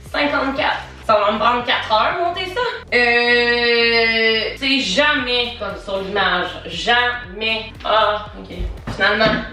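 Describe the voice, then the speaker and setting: A woman's voice: on the high side, pushed and bright. A young woman with a Québécois French accent chatting casually and expressively to viewers in a vlog, swearing freely. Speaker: YouTube vlogger. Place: home office room, indoors. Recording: roomy echo, distant mic, background music.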